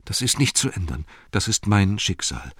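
A man's voice: a bass voice, sing-song, slow, gravelly, a bit bright, breathy edge, no echo, studio quality, full character voice. A man voicing a tormented young male hobbit in an audiobook, strained and torn between frenzy and regret. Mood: remorseful. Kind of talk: audiobook character voice.

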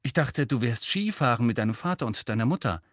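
A man's voice: medium pitch, animated, quick pace, dry recording, studio quality, voice pushed up, close to an everyday voice. A man voicing a sullen, irritable teenage boy who answers stiffly and curtly.

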